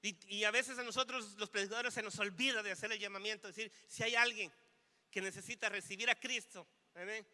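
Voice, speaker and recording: A man, a pastor, preaching a sermon, reading scripture slowly and growing fervent as he goes. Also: high voice, fairly even intonation, pushed and bright, in a large hall. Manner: preaching with rising fervor, reads scripture slowly. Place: church.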